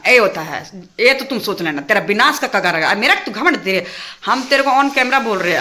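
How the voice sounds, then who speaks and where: A woman vlogger ranting angrily to her viewers, talking fast and heated and repeating her phrases. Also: a little high, pushed and bright. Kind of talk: angry casual rant to camera.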